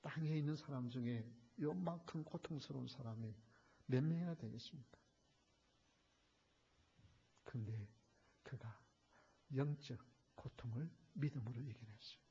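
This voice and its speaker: A male pastor preaching a sermon, addressing the congregation often and switching between hushed, almost whispered asides and loud, fervent climaxes. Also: mid-range voice, a little slow, creaky, pauses often, slightly rough. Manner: storytelling with many fillers and repeated direct address to the congregation. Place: church sanctuary. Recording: dull, lo-fi church recording.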